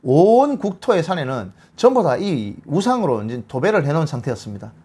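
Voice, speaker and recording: A man giving a bible lecture, retelling scripture as a lively story and acting out the quotes. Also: on the high side, a little fast, breathy edge.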